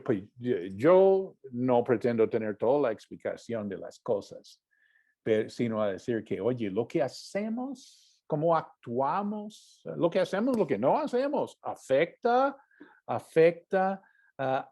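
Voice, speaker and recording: A man's voice: very animated, slow. A man preaching a conversational sermon, often asking the congregation questions and acting out quoted voices. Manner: acts out mocking quoted voices, high and shouted.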